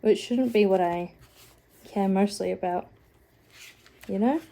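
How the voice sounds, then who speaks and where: Young woman, nasal, congested, sniffly, rambling casual chat, mellow tone, phone recording. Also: mid-range voice, measured pace, creaky. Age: young adult. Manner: rambling, many "like"s, self-deprecating. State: sniffling, a bit out of breath. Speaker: art vlogger.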